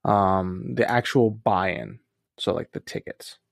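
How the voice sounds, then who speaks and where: A man's voice: deep voice, slow pace, vocal fry, dry recording. A man co-hosting a casual podcast, bantering in a wry, teasing way. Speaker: podcast co-host.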